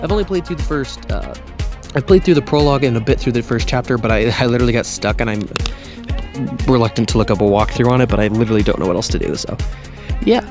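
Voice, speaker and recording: A man's voice: medium pitch, fast talker, music in the background. Rambling man muffled under a blanket. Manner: rambling, self-correcting, jokey asides. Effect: muffled, recorded under a blanket. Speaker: game reviewer. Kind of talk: casual video game review. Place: under a blanket with pillows behind him.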